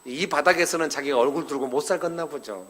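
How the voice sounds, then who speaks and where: A man's voice: on the high side, quick pace, fairly bright tone. A male pastor giving a sermon at a parents' seminar, telling a story conversationally and acting out the dialogue, and speaking directly to the elderly members of the congregation.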